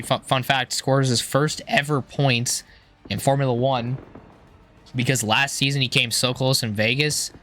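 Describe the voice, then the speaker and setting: A man with a hoarse, strained voice giving casual, rambling gameplay commentary, thinking aloud in an informal way. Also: medium pitch, bright, forceful tone. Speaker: gaming YouTuber.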